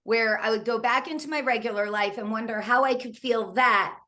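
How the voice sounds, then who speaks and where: A woman's voice: on the high side, normal speed, sharp tone. Guest, woman, 40s: candid, laugh-prone storyteller, casual interview over a video call. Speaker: author and coach guest.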